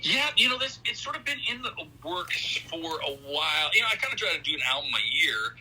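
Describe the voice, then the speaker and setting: A man's voice: on the high side, very animated, a little fast, bright, forceful tone, a little hiss or hum. A man in a casual interview chat, a musician talking loosely and rambling, with lots of "you know" and "like", heard over a phone call. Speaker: musician guest.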